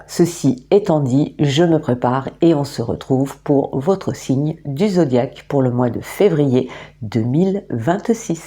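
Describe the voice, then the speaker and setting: A woman giving a monthly astrology card reading, talking gently and hesitantly with many repeated words and fillers, indoors under artificial light. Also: rumbling low. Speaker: tarot and oracle card reader.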